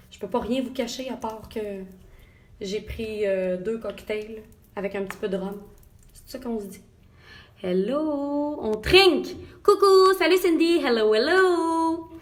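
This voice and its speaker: A Québécois woman with a slightly high voice hosts a live makeup tutorial. She is chatty and warmly greets her viewers by name. She is recording from a hotel room. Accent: Québécois French. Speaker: makeup artist.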